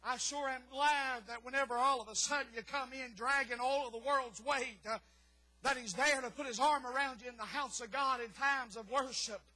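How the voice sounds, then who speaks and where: A man preaching a fervent sermon in church, rising to shouts and dropping low, with many "uh" fillers. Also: fairly even intonation, moderate pace, poor audio. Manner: fervent, rises to shouts then drops low, frequent "uh" fillers. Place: church sanctuary.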